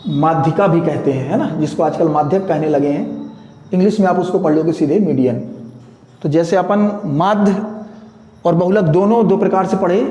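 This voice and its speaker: A man teaching a math class, explaining step by step, often checking with tag questions and counting out numbers slowly. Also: high voice, mellow. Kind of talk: classroom lecture. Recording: echoey room with long reverb.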